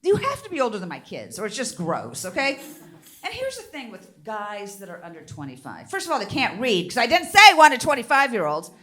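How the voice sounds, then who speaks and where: A woman's voice: on the high side, huge pitch swings, a little fast. Brash, squealing woman comic on stage. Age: older. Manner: brash, bawdy, with loud squealing outbursts. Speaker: stand-up comedian. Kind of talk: stand-up comedy set. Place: theater stage before a live audience.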